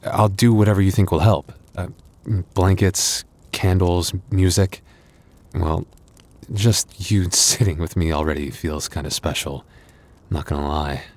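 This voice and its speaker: In an intimate ASMR roleplay, a man plays a tender, bashful young werewolf boyfriend who halts and stammers between breathy little laughs and sighs. His voice sits low with a darkish tone and fairly even intonation, sounding shy and touched.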